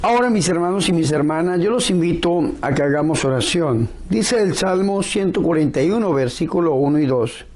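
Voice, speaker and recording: Higher-voiced male priest preaching. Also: expressive, darkish tone. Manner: solemn, pastoral, deliberate phrasing. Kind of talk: devotional sermon and prayer.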